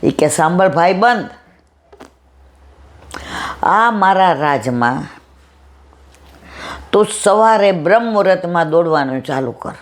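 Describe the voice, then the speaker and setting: Animated storyteller at a satsang. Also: medium pitch, slow pace, long pauses. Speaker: devotional satsang speaker. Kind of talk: devotional storytelling talk.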